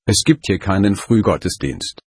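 A man voicing a gruff, stern monk guard who talks in a harsh, curt way. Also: low voice, expressive, moderate pace, no room sound, studio quality, full character voice. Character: gruff male police monk, stern but kindly.

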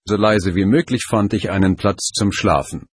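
A man narrating an audiobook in a steady, even manner. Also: fairly low pitch, moderate pace, husky, dry recording, studio quality. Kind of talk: audiobook reading.

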